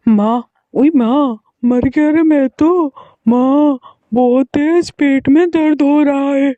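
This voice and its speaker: A woman's voice: on the high side, animated, a little slow, dark tone, no room sound, muffled recording. A woman voicing a spoiled, greedy boy in a cartoon story, whiny and demanding.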